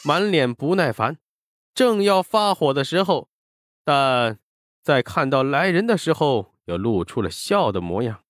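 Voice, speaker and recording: Expressive male audiobook narrator. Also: on the high side, unhurried, no room sound, clean studio sound. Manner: expressive storytelling.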